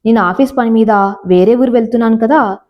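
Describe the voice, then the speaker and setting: A woman voicing a caring young husband who speaks calmly and reassuringly. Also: fairly high pitch, fairly quick, lightly acted. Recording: slightly dull lo-fi audio.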